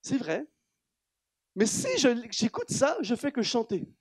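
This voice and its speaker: A man from Canada with a Canadian French accent, preaching an animated sermon in a church, building to emphatic rhetorical questions. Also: extremely high pitch, slow, slightly rough, no room sound. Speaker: guest preacher. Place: church hall.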